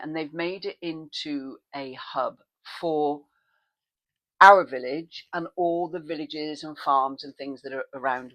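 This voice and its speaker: A woman vlogging in a casual chat, rambling through asides and restarts. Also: poor audio. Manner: animated, with sudden pitch leaps when excited.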